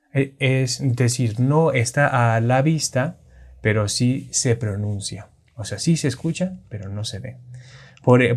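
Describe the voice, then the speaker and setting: A man's voice: mid-range voice, darkish tone. A man teaching a lesson on Spanish accentuation, explaining patiently and checking in with his listeners. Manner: patient, explanatory, with frequent restarts and check-ins. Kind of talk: classroom lesson on Spanish grammar.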